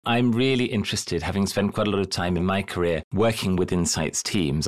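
A man hosting a podcast interview, speaking in a measured, polished way. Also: low voice. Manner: measured, polished delivery with lively intonation. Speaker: podcast host and coach.

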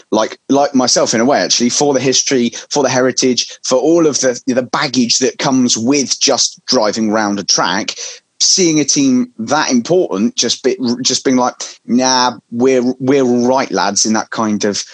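A man chatting on a podcast with a relaxed, halting delivery and frequent restarts. His pitch is ordinary. The sound is close and dry. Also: husky, no echo. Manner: relaxed, hesitant, full of restarts. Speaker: podcast co-host. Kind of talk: casual chat.

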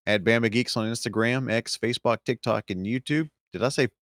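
A man co-hosting a casual podcast, easygoing and quick to laugh, sometimes losing his train of thought. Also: medium pitch, a bit bright, no echo, studio quality. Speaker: podcast co-host.

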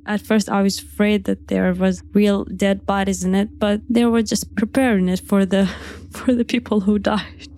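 Young woman, arabic is her first language, halting and gravelly, repeats herself, little nervous laughs. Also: medium pitch, little pitch movement, warm tone, no room sound. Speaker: interviewee. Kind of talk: recounting personal testimony.

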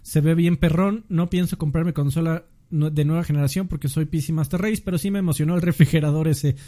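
A male podcast host with a Mexican accent and a high voice. He chats casually, addresses the audience directly and drops swear words freely. His delivery is informal throughout. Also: fairly even intonation, brisk, mellow. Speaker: podcast host reading listener greetings.

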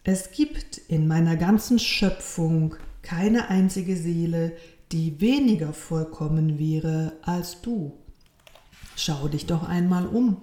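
A woman voicing God as a calm, gentle, all-knowing creator in a storybook reading, speaking softly and patiently. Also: on the low side, slow. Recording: roomy echo.

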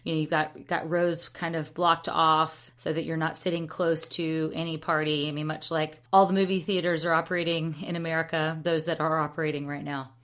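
A woman co-hosting a casual talk show, explaining things in a brisk, friendly way. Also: deep voice, level tone, fairly bright tone. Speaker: podcast co-host. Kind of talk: casual chat.

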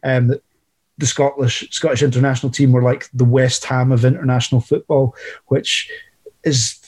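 Man, football podcast co-host, halting speech, repeats words, dry wit, mid pitch. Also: flat delivery, darkish tone, breathy edge. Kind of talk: casual football chat.

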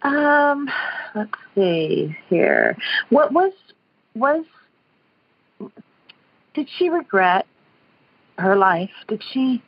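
A woman's voice: fairly high pitch, huge pitch swings, very slow, long pauses, husky. A woman calling in to a radio show over the phone, talking hesitantly and searching for words. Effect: phone-line caller voice on radio. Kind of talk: call-in conversation. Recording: dull phone-line sound.

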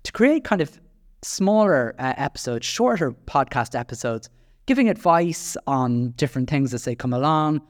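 In a dry, studio-quality recording, an Irishman hosting his own podcast chats with self-deprecating humor, often using fillers and restarting sentences. His mid-range voice swings widely in pitch at a moderate pace.

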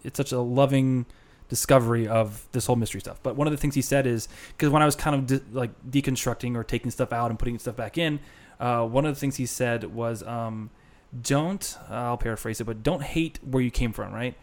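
A man's voice: medium pitch, brisk. Rambling, friendly male co-host. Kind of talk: casual conversation.

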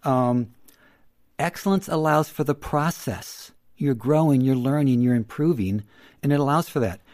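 Measured male counselor, dry close sound. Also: mid-range voice, darkish tone, dry recording. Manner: measured, teacherly, repeats key phrases. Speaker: counselor guest. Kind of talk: explaining advice in an interview.

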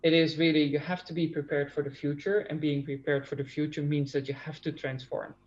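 A man's voice: fairly high pitch, level tone, fairly quick, dull audio, a little hiss or hum. A man taking part in an interview as a guest over a video call. He speaks earnestly and repeats his first words often before finishing a thought. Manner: earnest, many repeated starts. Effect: video call audio. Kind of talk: remote interview.

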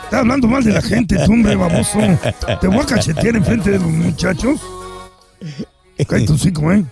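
A man putting on a gravelly, scolding old grump. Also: high voice, normal speed, music in the background. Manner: scolding, threatening.

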